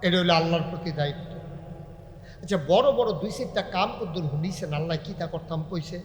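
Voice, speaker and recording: Man, sermon, sing-song preaching, high voice, long hall reverb. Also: quick pace. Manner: sing-song preaching, rising to loud calls and dropping to soft banter.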